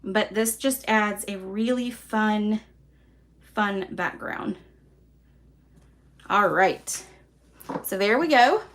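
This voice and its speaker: A woman with a Southern accent hosting a live card-making class, chatty and relaxed, poking fun at herself. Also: medium pitch, extremely slow, long pauses. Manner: chatty, relaxed, self-deprecating. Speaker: craft class host.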